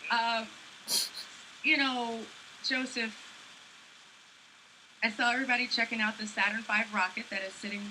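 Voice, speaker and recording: A woman hosting a live morning-show interview at a big event, sounding peppy and energetic. Her voice is very bright and a bit high, with faint noise behind. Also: moderate pace, pauses often, low-quality recording. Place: large event hall with a rocket on display.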